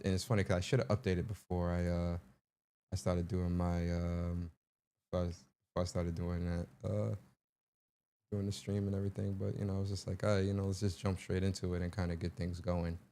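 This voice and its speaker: A man's voice: low voice, brisk. Playful man chatting to his livestream. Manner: animated, playful, talks straight to chat. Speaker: livestream host. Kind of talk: casual livestream chat.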